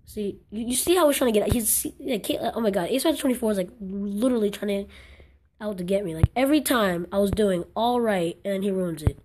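A woman's voice: mid-range voice, fairly quick, darkish tone, a little hiss or hum. A young woman giving casual commentary over a mobile game, exclaiming in frustration and rambling with many restarts. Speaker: gaming channel host.

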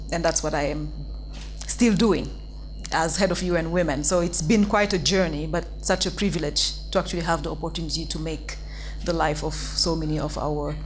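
Female panelist from Senegal, low voice, gracious and measured. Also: fairly even intonation, a little hiss or hum, rough recording. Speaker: panelist, UN representative. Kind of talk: panel discussion. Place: indoor conference stage.

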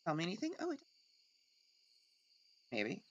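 A woman's voice: on the low side, wildly swooping pitch, unhurried, dull audio. A middle-aged woman giving casual let's play commentary, thinking aloud as she plays.

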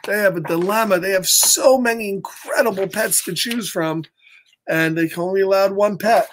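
At a moderate pace, a high-pitched American man in his fifties reads a picture book expressively for children, with a slightly bright voice. Playful, chatty asides to his young viewers punctuate the reading. The recording from a small indoor home room carries a little hiss or hum.

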